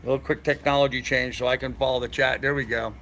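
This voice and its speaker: Bright-voiced middle-aged male streamer. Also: mid-range voice, little pitch movement, fast talker, slight background noise. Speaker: live-stream host. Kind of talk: casual live-stream chat.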